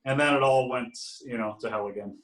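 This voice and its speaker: An easygoing storyteller from Ohio, appearing as a podcast guest, laughs occasionally during a casual interview. His medium-pitched voice runs a little fast with a slightly bright edge, captured off mic with a spacious, roomy sound.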